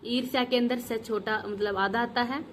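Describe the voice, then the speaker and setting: A woman teacher giving an exam revision lesson, repeating each word slowly to drill its correct spelling. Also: fairly high pitch, fairly even intonation, a little hiss or hum.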